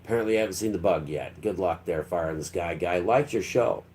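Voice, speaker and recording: Brief: deep, mellow-toned male livestream host, rambling monologue, slight room hum behind. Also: brisk. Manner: rambling, acts out quotes in mock voices. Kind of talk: rambling live-stream monologue.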